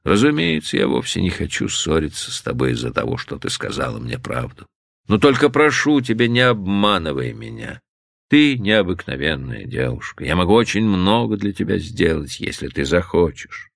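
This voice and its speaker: A man reading an audiobook plays a jealous, grave middle-aged lover who speaks low, sullen and restrained. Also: big pitch swings, moderate pace, vocal fry, no echo, clean studio sound, full character voice.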